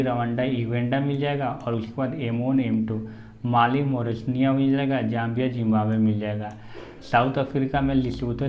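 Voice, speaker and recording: A man teaching geography for exams, reciting country names in drills and urging viewers to repeat after him. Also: medium pitch. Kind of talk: exam-prep map lesson. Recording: echoey room, dull lo-fi sound, faint background hum.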